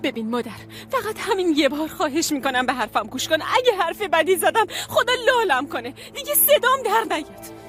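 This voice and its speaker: An actress voicing a defiant young woman who is locked away, pleading with her mother and plotting in low hushed tones. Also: sing-song, soft background music, heavily acted. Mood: pleading, scheming. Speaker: daughter. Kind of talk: TV drama dub.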